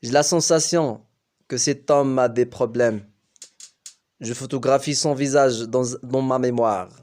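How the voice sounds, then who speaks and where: A man who teaches French, reading a novel aloud slowly and carefully. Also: medium pitch, steady tone, a little mellow. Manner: slow, careful storybook reading.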